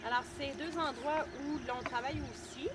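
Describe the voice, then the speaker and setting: A woman's voice: high-pitched, steady tone. A woman with a Québécois French accent, chatting hesitantly as she gives a casual outdoor video-diary tour recorded on a camera mic. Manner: chatty and hesitant, with frequent pauses and light laughs. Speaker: student giving a video tour. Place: outdoors at a horse training center. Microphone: camera mic, filmed by someone behind the camera. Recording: loud outdoor background noise.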